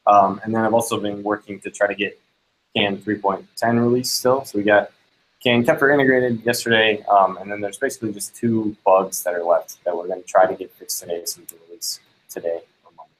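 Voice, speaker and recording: A man giving a steady, matter-of-fact update at a team meeting. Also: on the low side, fairly quick, poor audio. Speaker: meeting participant.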